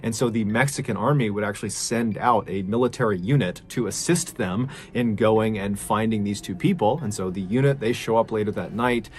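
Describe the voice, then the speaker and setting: A man's voice: fairly low pitch, fairly quick, hardly any pauses, a little mellow. A man narrating a horror story in a suspenseful, dramatic way, building tension with repetition.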